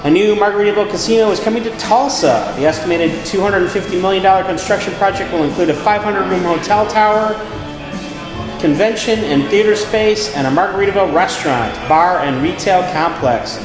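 Higher-voiced man podcasting in an echoey hall. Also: fairly quick. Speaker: podcast co-host. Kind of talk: casual podcast chat and news read-outs. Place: echoey room at a venue. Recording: echoey hallway-like room, music behind.

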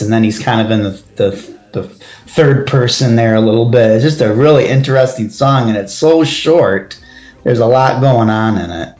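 A man with a lowish voice talks through an album track by track in an easy, enthusiastic way. His voice rings a little in an echoey room. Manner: enthusiastic, leads the track order and asks his partner's view. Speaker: podcast co-host reviewing an album. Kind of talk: casual chat.

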